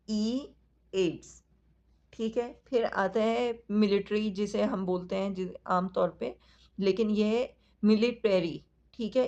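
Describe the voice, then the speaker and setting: A woman teacher with a Pakistani accent, patiently explaining a lesson to children, talking slowly and addressing them directly. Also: mid-range voice, a little mellow. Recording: dull lo-fi recording.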